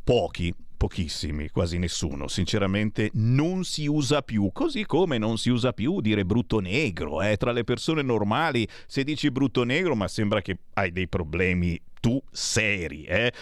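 A man's voice: lowish voice, very animated, unhurried, few pauses, no room sound, clean studio sound. A man commentating to his viewers in a sarcastic, provocative casual monologue. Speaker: online commentator.

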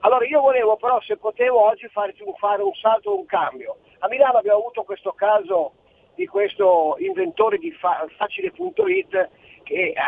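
A man's voice: very high voice, vocal fry. A man from Friuli Venezia Giulia calling in to a radio show over the phone, rambling and trailing off with repeated "eccetera". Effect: heard over a phone line. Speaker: radio caller. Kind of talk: call-in opinion. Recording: tinny phone line with faint hiss.

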